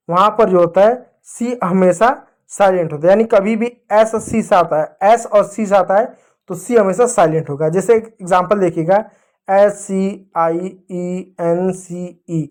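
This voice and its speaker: A male teacher giving an English lesson to children, slowly spelling out words letter by letter and repeating them. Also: high voice. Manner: slow, repetitive spelling-out of words.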